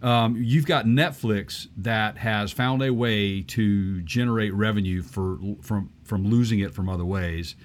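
Laid-back guy cohosting a chat show, fairly low voice, keeps restarting his sentences. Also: measured pace, hardly any pauses, a little hiss or hum. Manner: easygoing, agreeable, many restarts. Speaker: podcast co-host. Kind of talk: casual chat.

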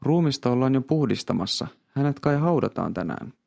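Man doing a croaking talking crow, loyal, gravelly, storybook reading. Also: medium pitch, animated, darkish tone, voice pushed up.

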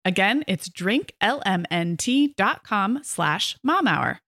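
A woman's voice: mid-range voice, big pitch swings, slow pace, a bit bright. A woman reading a podcast sponsor message in a conversational style. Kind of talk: conversational ad read.

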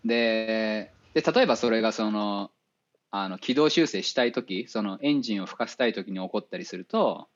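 A man, an engineer guest in a casual interview, explaining things step by step with many fillers and pauses. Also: fairly low pitch, animated. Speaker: spacecraft navigation engineer. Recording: dull lo-fi audio.

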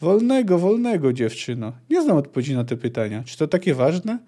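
A man reading a book aloud and voicing a calm, sardonic male swordsman who teaches a girl. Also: on the high side, fairly quick. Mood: wry.

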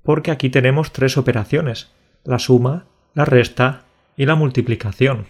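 A man, co-hosting a lesson podcast, explaining grammar in a friendly, clear way. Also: medium pitch, moderate pace. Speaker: Spanish teacher, podcast co-host. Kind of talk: casual chat.

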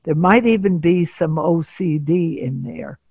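An older woman, a psychotherapist, telling a patient's story in an interview, measured and pausing often to gather her thoughts. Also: low voice, creaky, a little mellow, husky, no echo. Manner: measured, pauses often with filler sounds. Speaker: psychotherapist guest.

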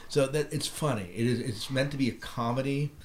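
A brisk, medium-pitched voice belongs to a middle-aged American man hosting a podcast. He's casually talking through what he's been watching and reading, shows and films, on a clearly noisy recording.

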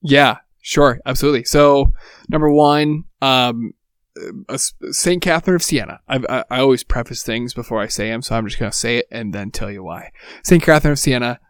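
A man's voice: medium pitch, fairly quick, clear, resonant tone, no echo, clean studio sound. A man co-hosting a podcast, talking with enthusiasm and rambling as he searches for words. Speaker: podcast co-host. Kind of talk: casual podcast chat.

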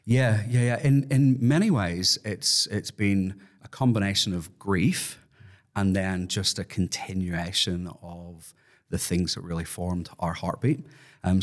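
A man with an Irish accent speaking as an interview guest, reflective and often repeating words as he thinks aloud. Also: low voice. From Ireland. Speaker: podcast guest, ministry worker. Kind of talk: conversational interview.

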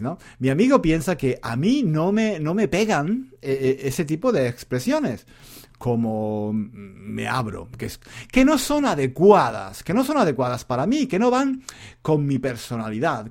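Lively, rambling teacher man. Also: on the high side, a little slow. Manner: rambling, chatty, often repeating himself. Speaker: Spanish teacher and podcaster. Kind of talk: casual spoken lesson monologue.

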